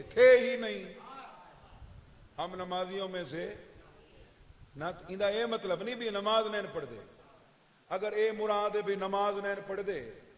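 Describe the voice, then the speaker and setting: A man with a Saraiki accent preaching a sermon, chanting recitations in a sing-song way and rising to shouts. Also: high-pitched. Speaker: religious orator. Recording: echoey hall with long reverb.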